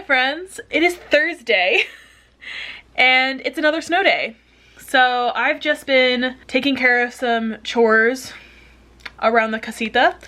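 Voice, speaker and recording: Young woman, casual vlog chat, rambling, self-deprecating, bright clear tone, at home. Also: fairly high pitch. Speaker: book vlogger. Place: home room indoors.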